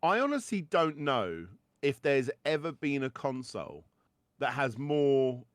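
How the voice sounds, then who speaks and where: A man's voice: mid-range voice, sing-song, unhurried, no echo, clean studio sound. A man with a British accent chatting on a podcast, enthusiastic and often stammering and repeating words as he talks. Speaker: podcast host. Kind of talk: casual chat.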